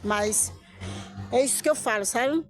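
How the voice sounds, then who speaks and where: A middle-aged woman, telling a personal story in a casual vlog. She talks in an animated way, repeats herself and acts out the lines others said to her. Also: on the high side, unhurried, over music.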